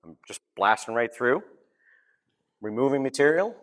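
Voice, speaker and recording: A man with a Boston accent giving a relaxed, joking, step-by-step software demo at a conference session. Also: mid-range voice, normal speed. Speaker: presenter. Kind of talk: live technical demo.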